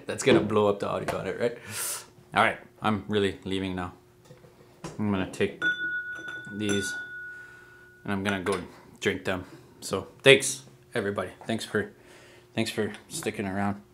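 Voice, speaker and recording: A man's voice: on the low side, little pitch movement, moderate pace, long pauses, background noise. A man hosting a casual whiskey tasting vlog at home, chatty and upbeat, talking straight to his viewers. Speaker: host of a whiskey review channel.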